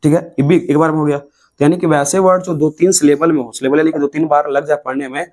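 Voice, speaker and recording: A fast-talking man with a fairly high, slightly mellow voice and fairly even intonation gives an English grammar lesson at a classroom writing board. His Bihari Hindi accent comes through as he drills points repeatedly and stretches words syllable by syllable.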